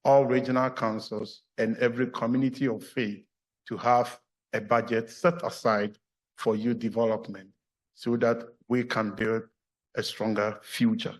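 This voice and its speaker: A Ghanaian clergyman with a Ghanaian accent gives a measured, earnest formal address at a church meeting. His voice is medium in pitch with a level tone, and the audio quality is poor.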